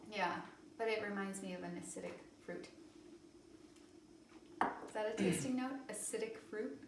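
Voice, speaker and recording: A woman's voice: medium pitch, moderate pace, very noisy. Woman with a blunt, joking style. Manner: frank, blunt opinions with light joking. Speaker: co-host tasting whisky. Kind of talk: casual tasting chat. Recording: roomy sound from a distant mic.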